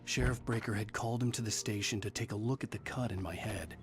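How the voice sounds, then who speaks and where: A man's voice: on the low side, quick pace, close to an everyday voice. An actor playing a troubled, guarded man who narrates his ordeal in a video game, terse and brooding. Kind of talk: video game dialogue and first-person narration. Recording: background music under voice.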